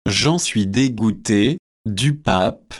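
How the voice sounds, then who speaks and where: A man's voice: fairly low pitch, expressive, full character voice. Vincent, a man reading as a fed-up young student. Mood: irritated. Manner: slow, measured reading.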